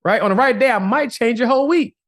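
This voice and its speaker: A man's voice: very high-pitched, quick pace, fairly bright tone. A man co-hosting a podcast, talking emphatically and often asking "right?" as he makes his point. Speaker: podcast co-host. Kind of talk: casual podcast chat.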